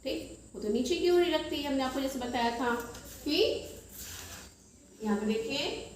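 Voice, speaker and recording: A woman's voice: sits high, animated. Patient woman teacher in an echoey room. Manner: slow, patient, asks and answers her own questions. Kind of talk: children's grammar lesson at a board. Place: classroom with a board. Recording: echoey room, mic far off, faint noise.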